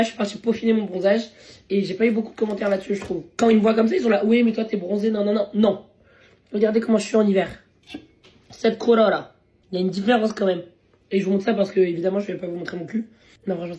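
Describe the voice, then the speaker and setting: Hoarse, fast-talking young woman vlogger. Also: mid-range voice, warm tone. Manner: chatty, slangy, laughs often. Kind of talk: casual chatty food vlog.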